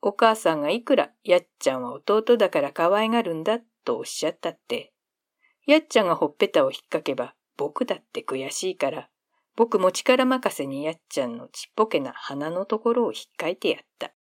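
A woman narrating a classic short story in a calm storytelling manner. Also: lowish voice, a little fast, no room sound, studio quality.

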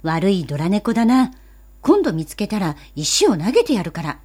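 A woman voicing a small, excitable boy in a storybook reading, talking loudly and bluntly. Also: mid-range voice, moderate pace, husky. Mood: indignant. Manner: loud, eager, boyish.

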